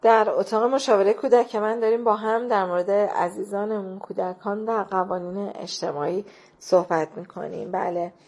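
A woman presenting a child counseling segment, calmly explaining parenting advice with everyday examples. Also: medium pitch. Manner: calm, instructive, gives everyday examples.

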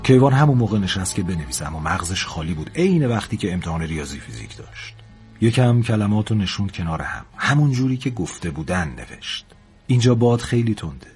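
A man calmly narrating a story aboard a ship. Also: low voice, soft background music.

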